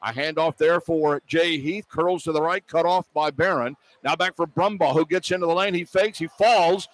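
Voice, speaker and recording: Broadcasting from a big indoor basketball arena, a radio announcer calls the game live in short, clipped bursts as the play unfolds. His voice runs on the high side at a normal speed, and the crowd noise around him is loud.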